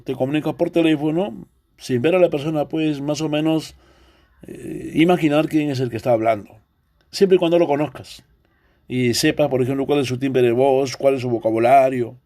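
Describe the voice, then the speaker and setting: A man with a Peruvian accent teaches a recorded language lesson. His voice is dark and relaxed. He explains step by step and poses questions to the students before answering them himself. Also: on the high side, fairly quick. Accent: Peruvian Spanish. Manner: explanatory, asks rhetorical questions.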